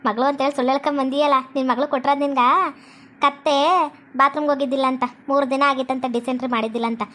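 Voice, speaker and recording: A woman's voice: high voice, flat delivery, rapid-fire, bright, forceful tone, voice pushed down. A woman voicing a stern older village woman, scolding and accusing.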